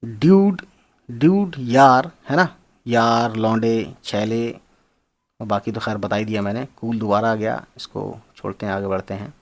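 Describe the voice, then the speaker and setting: A man's voice: fairly low pitch, flat delivery, normal speed, creaky. A man teaching English slang words, spelling them out and repeating them in a casual explanatory lesson. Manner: spells words out and repeats phrases, addresses viewers as friends.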